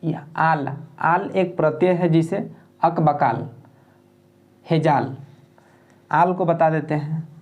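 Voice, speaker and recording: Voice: medium pitch, steady tone, slow, highs cut off. A teacher giving an exam-prep grammar lesson, who repeats and spells out word parts and keeps checking in with "okay?" while explaining plainly.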